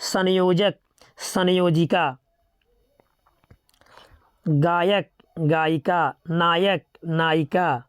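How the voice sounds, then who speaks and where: Teacher going down a word list in a grammar class, steady and methodical, keeps saying remember this, dry close sound. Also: mid-range voice, extremely slow, long pauses, clean tone, dry recording. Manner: steady, methodical listing with repeated reminders to remember. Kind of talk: grammar lesson, reading out word pairs.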